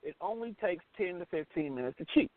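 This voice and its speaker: His voice sits high with lively intonation and a brisk pace: a middle-aged American man speaking as a radio show host. He comes across casual, candid, blunt and emphatic, repeating phrases frequently, all through tinny, phone-like band-limited sound.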